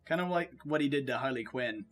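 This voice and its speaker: A man's voice: mid-range voice, expressive, a little fast. A man co-hosting a let's play, chatting casually and rambling with lots of fillers. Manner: rambling, hesitant, with many fillers. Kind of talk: casual gaming chat.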